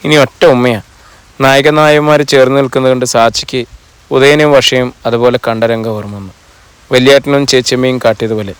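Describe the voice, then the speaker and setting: Smooth-voiced man reading a novel aloud. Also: medium pitch, steady tone, brisk, no echo. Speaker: audiobook narrator. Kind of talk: scripted audiobook narration.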